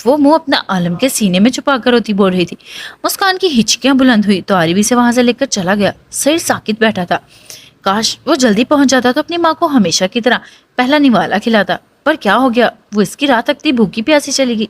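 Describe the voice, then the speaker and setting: A woman's voice: a little high, expressive. A woman narrating a romance novel in an emotional, dramatic reading.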